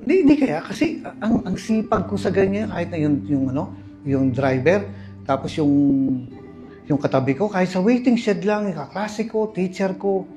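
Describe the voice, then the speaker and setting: Filipino pastor guy telling stories in a sermon, kinda high voice, music going behind him. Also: moderate pace. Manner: animated storytelling, addresses listeners as brothers and sisters.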